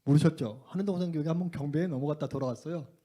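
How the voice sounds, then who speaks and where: A middle-aged male preacher with a high-pitched voice delivers a revival sermon in a church. He tells a personal story with fervor. His voice swings from loud outbursts down to near-whispers. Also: rapid-fire. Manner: impassioned storytelling, swinging between shouts and hushed tones. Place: church sanctuary.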